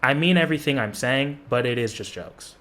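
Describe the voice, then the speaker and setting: A man's voice: mid-range voice, a little fast, fairly bright tone, a little hiss or hum. Sarcastic, foul-mouthed man trash-talking. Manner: sarcastic, profane trash talk. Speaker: basketball reaction YouTuber. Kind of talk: reaction commentary.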